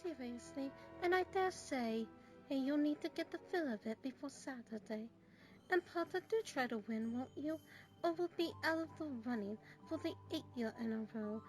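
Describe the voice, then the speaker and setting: A woman playing a stern but caring older professor in an audio drama, speaking in a brisk, prim and formal way. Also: high-pitched, soft background music, close to an everyday voice. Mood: softened, earnest. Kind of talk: fan audio drama acting.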